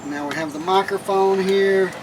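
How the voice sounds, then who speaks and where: This man's high-pitched voice holds a steady tone at normal speed while background noise runs underneath. As a vlog host, he talks while working in and around a minivan, offering a plain-spoken, casual how-to and frequently repeating himself.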